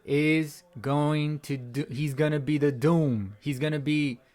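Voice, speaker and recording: A man's voice: on the high side, steady tone, unhurried, a little mellow. A young man hosting a fan channel, ranting in frustration after a game, repeating himself and rambling. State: voice cracking. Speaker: sports fan channel host. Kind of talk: post-game reaction rant. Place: at home.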